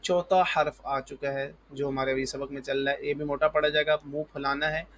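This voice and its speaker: A man with a fairly high voice teaches the alphabet for Quran reading. He calls out each letter slowly and loudly, then explains its sound in a quieter, patient way. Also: flat delivery, slight background noise. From Pakistan. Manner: patient, repeats "ji" and "parh lijiye". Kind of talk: alphabet lesson.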